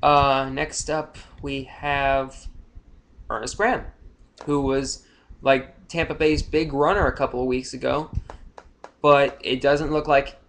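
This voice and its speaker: A man's voice: medium pitch, flat delivery, takes it slowly, fairly bright tone. A young man giving casual, unscripted fantasy football injury commentary, rambling with frequent fillers and self-corrections.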